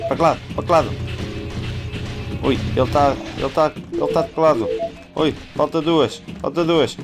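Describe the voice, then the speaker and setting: A man's voice: fairly high pitch, over music. Jumpy European Portuguese gamer man. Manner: jumpy, panicky exclamations and rapid repetition. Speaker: gaming video creator. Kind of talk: live horror game commentary.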